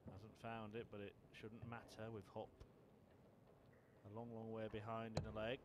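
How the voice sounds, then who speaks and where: A man giving measured, understated and informative sports commentary on a darts match. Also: fairly low pitch, completely flat delivery, noisy background.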